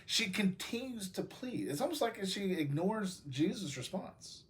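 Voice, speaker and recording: A man's voice: sits high, very animated, measured pace. A man with an American accent, a pastor giving a casual devotional talk, talking loosely with many fillers and restarts.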